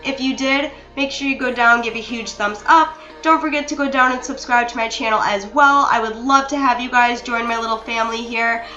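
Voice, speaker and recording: A young woman talks through a makeup tutorial in a bright, crisp voice pitched a little high. She chats to her viewers in a friendly, apologetic way. The room sounds echoey, and soft music plays underneath. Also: steady tone, brisk, hardly any pauses, highs cut off. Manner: chatty, apologetic, addresses viewers as you guys. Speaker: beauty vlogger. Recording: roomy echo with soft music behind.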